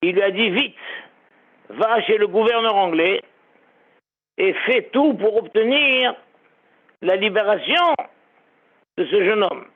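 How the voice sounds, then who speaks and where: A high-pitched man delivers a rabbi's Torah lesson in storytelling fashion, hammering home his main point through repetition. The sound is thin and tinny, like a phone line. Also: animated, slow pace, pauses often. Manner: storytelling, emphatic repetitions of key phrases. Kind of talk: sermon-style Torah lesson.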